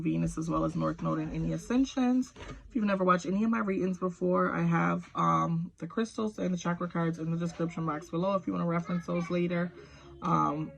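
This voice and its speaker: Talking directly to the viewer, a tarot reader with a lowish, fry-tinged voice wanders through a casual reading full of filler words. She's at home with children close by, and the recording is rough.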